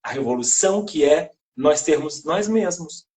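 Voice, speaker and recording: A high-voiced Brazilian man talks on a live stream from a phone or call mic. He is an educator who speaks with passion and rhetorical flair, often asking a question and answering it himself. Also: animated, a little slow, darkish tone. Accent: Brazilian Portuguese. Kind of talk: casual live-stream talk. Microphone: phone or video-call mic.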